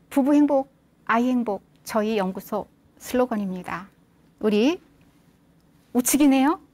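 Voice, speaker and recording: A woman's voice: on the high side, darkish tone. A woman parenting educator lecturing a live audience, often putting rhetorical questions to them.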